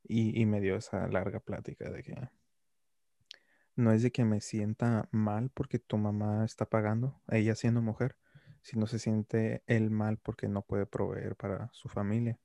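A young man on a podcast, calmly explaining his views in casual conversation. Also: fairly low pitch, measured pace, gravelly, no echo, studio quality. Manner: calm, reflective explaining. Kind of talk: casual chat.

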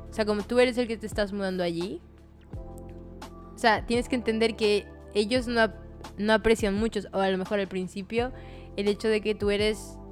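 Chatty woman from Latin America, podcast guest, mid-pitched, loose casual talk. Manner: chatty, many fillers and "¿sabes?" tags. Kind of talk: casual conversation.

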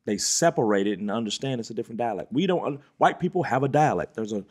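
Husky man arguing his point. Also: mid-range voice, expressive, fast talker. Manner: insistent, explains with examples. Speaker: podcast co-host. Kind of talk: heated casual debate.

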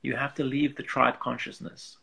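A man from England with an English accent and a gravelly, slightly husky voice, talking earnestly and reflectively as an interview guest, working out thoughts in broken phrases. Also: mid-range voice, level tone, moderate pace, sharp tone. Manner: earnest, searching, thinks aloud in broken phrases. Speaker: interview guest, musician and artist.

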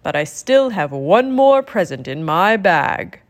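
A woman voicing a jolly, booming old Santa Claus in a storybook reading, with a hearty, slow delivery. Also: big pitch swings.

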